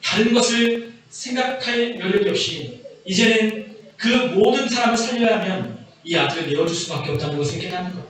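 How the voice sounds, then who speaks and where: High-voiced preaching man, echoey far-off hall. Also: brisk, a bit bright. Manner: earnest preaching, voice rising and falling with emphasis. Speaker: pastor. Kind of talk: sermon. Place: church sanctuary.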